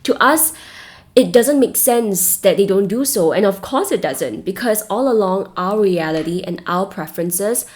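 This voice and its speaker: A woman's voice: medium pitch, animated, moderate pace, a little mellow. A woman with a Singaporean accent giving a scripted advice talk, addressing the listener directly and with emphasis. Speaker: relationship advice host.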